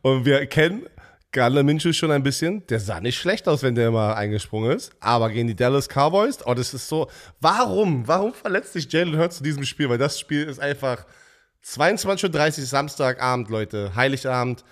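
A man's voice: mid-range voice, animated, normal speed. A chatty man with an ordinary mid-range voice makes his football picks in a casual podcast. He sounds enthusiastic and often stumbles and restarts his words. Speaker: podcast co-host. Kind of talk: casual sports chat.

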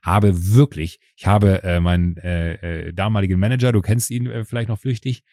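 A man hosting a casual chat who tells a personal story, acting out the voices he quotes and filling pauses with "uh". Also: deep voice, no echo, studio quality. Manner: lively storyteller who acts out quoted voices, frequent "äh" fillers.

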